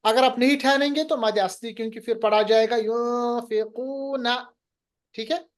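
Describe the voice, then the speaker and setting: A woman's voice: on the high side, brisk. A woman teaching Quran recitation rules step by step, patiently explaining and quizzing her students.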